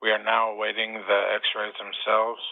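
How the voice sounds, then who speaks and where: A man calling in over a speakerphone line, reading a prepared formal statement as a claimant, with deliberate pacing and frequent "uh" pauses. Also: lowish voice, monotone, narrow, tinny audio. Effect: heard over a speakerphone line.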